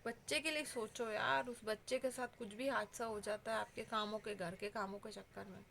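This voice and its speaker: A woman's voice: medium pitch, fairly even intonation, moderate pace, gravelly, a bit bright, slight background noise. A woman vlogger giving heartfelt advice straight to her viewers, earnest and pleading in a conversational way.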